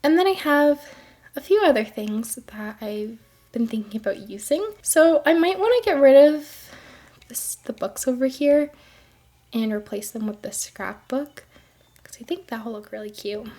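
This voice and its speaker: High-pitched girl narrating her game build, throat kinda congested, rambly and gushy. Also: lively intonation, a little slow, a little mellow. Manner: chatty, self-correcting, gushes over cute things. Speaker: gaming video creator. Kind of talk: casual gameplay commentary.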